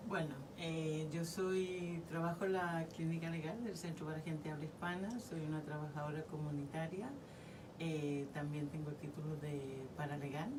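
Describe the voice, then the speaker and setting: A low-voiced woman with a Chilean accent explains legal steps in a calm, measured way. She sits a little away from the microphone, and noticeable background noise runs under her voice. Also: distant mic. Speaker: community legal worker. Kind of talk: radio interview guest.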